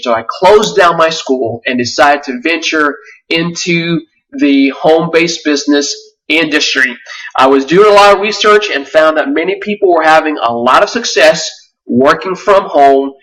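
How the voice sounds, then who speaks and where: A man in his forties from Vietnam, giving an earnest sales-pitch webinar with frequent fillers and restarts. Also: sharp tone, distant mic, rough recording. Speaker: webinar presenter.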